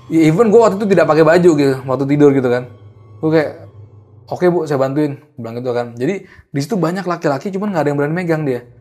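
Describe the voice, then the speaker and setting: A young man casually tells a horror story in a lively, slangy way. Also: a little high, rapid-fire, soft background music. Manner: animated, acts out the people in his story, slangy. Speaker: guest storyteller.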